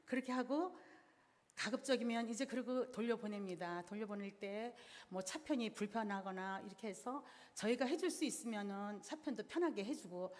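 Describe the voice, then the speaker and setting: A woman's voice: medium pitch, normal speed, a little mellow. A middle-aged woman giving a church seminar, explaining each step plainly and in order. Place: church hall. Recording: reverberant hall sound.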